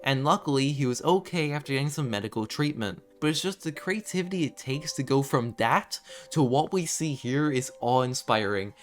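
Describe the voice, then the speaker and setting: Over background music, a man narrates a scripted video essay commenting on a horror series. He speaks at medium pitch, mixing measured storytelling with casual, conversational asides.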